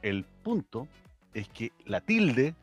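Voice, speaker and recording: A man's voice: mid-range voice, very animated, slow, slightly rough, soft background music. A man with a Chilean accent, co-hosting a casual podcast chat with teasing, pedantic asides. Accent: Chilean Spanish. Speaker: podcast co-host.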